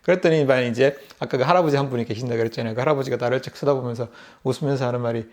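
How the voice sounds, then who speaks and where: A middle-aged YouTube vlogger from Busan tells a casual story to camera in a Gyeongsang Korean accent. His mid-range voice races along, chatty and full of frequent laughter.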